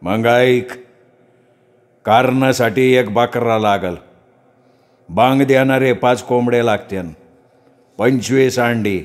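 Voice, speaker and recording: A man voicing a village goddess who speaks through a possessed old priest, slow, drawn-out and commanding. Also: mid-range voice, big-room sound, lightly acted. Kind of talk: dramatic storytelling.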